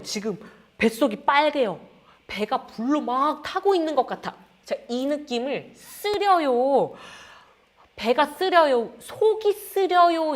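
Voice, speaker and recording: A woman teaching a lively Korean lesson, acting out sensations with sound words and calling her students friends. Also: fairly high pitch. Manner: animated, acts out feelings with sound words and gestures; addresses students as friends, frequent "자".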